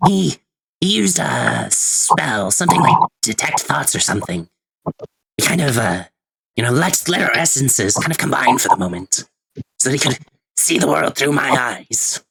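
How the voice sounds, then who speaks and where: A man playing a weary, reflective, gently concerned adventurer in a tabletop game, husky and gravelly, speaking haltingly. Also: mid-range voice, very animated, no room sound, exaggerated voice, poor audio. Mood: pensive.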